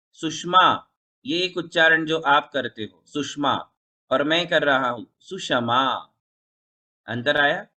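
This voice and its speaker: Slow, bright-voiced man teaching. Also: on the high side. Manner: patient, explanatory, repeats words slowly for pronunciation; asks the audience questions often. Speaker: spiritual teacher. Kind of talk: religious discourse lesson.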